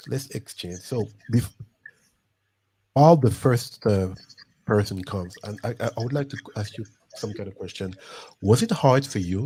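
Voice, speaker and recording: A man's voice: lowish voice, mellow, husky. A man from Guadeloupe hosting a live online show, talking casually and eagerly, often repeating himself as he urges viewers on. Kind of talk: live stream chat.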